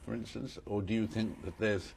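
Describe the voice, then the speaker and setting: Low-voiced male interviewer. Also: fairly even intonation, moderate pace, creaky, darkish tone, slight background noise. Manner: hesitant, repeats words while framing questions. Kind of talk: broadcast interview.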